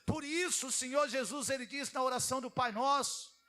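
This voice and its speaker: High bright-voiced pastor preaching. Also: male voice, fairly quick. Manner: animated preaching, acting out quoted voices. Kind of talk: sermon.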